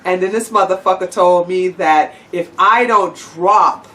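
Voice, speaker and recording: A woman's voice: fairly low pitch, measured pace, fairly bright tone, recorded from a distance. A woman vlogger ranting to the camera, blunt and sarcastic, swearing freely. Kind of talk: angry profane rant to camera.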